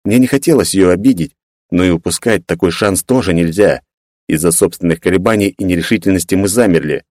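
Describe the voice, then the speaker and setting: A man narrating a first-person story in a steady, even manner. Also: low-pitched, a little fast, dry recording, clean studio sound. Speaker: audiobook narrator.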